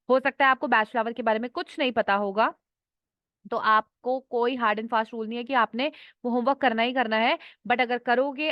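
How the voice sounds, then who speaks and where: A woman's voice: high voice, a bit bright, no echo. A woman teaching an online class, reading out a list of names one at a time. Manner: slow, listing names one by one.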